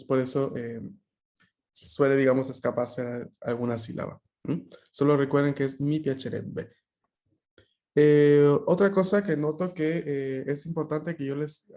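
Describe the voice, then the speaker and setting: A man's voice: mid-range voice, dark tone. A man teaching a language class over a video call, explaining patiently with frequent fillers and checking questions.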